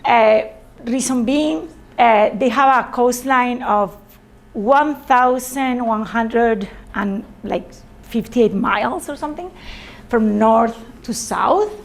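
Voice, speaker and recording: A woman from Spain, speaking with a Spanish accent in a creaky voice on the high side, gives an informal presentation to a group. She is a sailor, and she speaks haltingly, often repeating and correcting her words.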